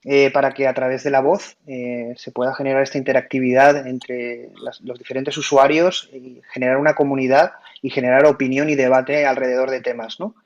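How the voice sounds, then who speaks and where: A man's voice: mid-range voice, little pitch movement, fairly quick, few pauses. Hesitant man hosting a talk room. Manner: hesitant, many fillers and restarts. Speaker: host of an online audio room. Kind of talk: casual explanatory talk. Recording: muffled audio-app sound.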